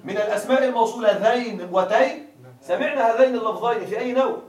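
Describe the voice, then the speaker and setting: A male grammar teacher with a high voice lectures a class. He drags out each example word and keeps checking that the students follow, heard from a distance in an echoing room. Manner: keeps asking students if it is clear; drawls example words slowly. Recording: echoey room, mic far off.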